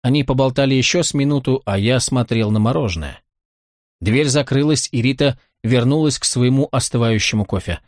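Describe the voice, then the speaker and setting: A male narrator reads a first-person audiobook with a dry, ironic delivery. His voice sits at a middle pitch. The recording is close and dry, with no room sound. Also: fairly quick, no echo.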